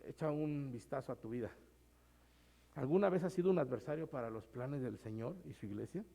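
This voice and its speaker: A man's voice: mid-range voice, a little fast, gravelly, dark tone. A male pastor, preaching a sermon in a conversational way and often addressing the congregation as brothers.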